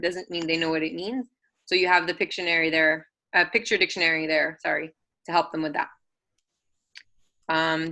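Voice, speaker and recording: Presenting a webinar on assistive technology, a woman walks parents through software tools, often saying um and correcting herself. Her voice is on the low side.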